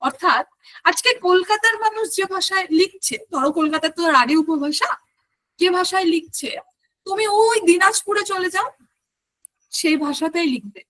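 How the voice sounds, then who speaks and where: High, bright-voiced woman teaching a class. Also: lively intonation, normal speed. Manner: explains step by step, asks the class questions. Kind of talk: online exam-prep lecture.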